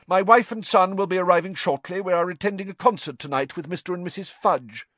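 A man's voice: high voice, a little fast, a bit bright, dry recording, pitched above the performer's own voice. A man reading aloud and voicing a deranged, exhausted older male official who gasps out broken fragments of speech. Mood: deluded.

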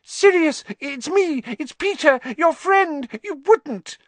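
A man voicing a terrified, groveling male traitor who squeaks and begs in a shrill voice for an audiobook. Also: expressive, slow pace, no room sound, full character voice. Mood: pleading. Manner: groveling, begging. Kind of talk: audiobook character voice.

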